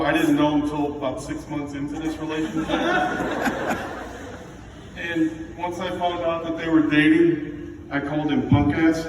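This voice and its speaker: A middle-aged man gives a father of the bride speech in a very echoey hall, picked up from a distance over clear background noise. He speaks in a plainspoken, heartfelt and slightly halting way to the guests. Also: fairly high pitch. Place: large reverberant indoor reception room with background noise.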